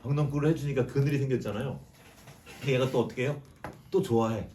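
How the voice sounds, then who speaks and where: A man's voice: mid-range voice, quick pace, warm tone. A man giving a conversational sermon in a church, asking the congregation questions and acting out biblical characters' lines in a mocking tone. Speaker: preacher sharing a Bible reflection. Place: church sanctuary. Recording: distant mic with faint room noise.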